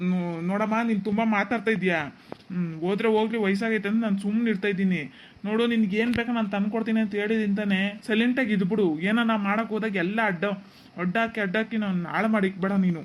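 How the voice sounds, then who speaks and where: A man's voice: high-pitched, steady tone, fast talker, lightly acted. A man voicing a stubborn cartoon son. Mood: angry. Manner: firm, dismissive, growing angry. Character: grown son, stubborn, leaving his mother. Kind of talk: cartoon dubbing.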